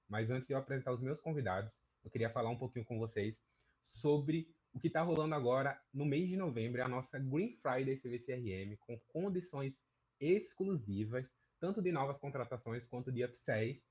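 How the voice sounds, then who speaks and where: A man's voice: mid-range voice, darkish tone, muffled recording. A man hosting a live webinar, talking in an upbeat, promotional way as he introduces guests. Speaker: webinar host.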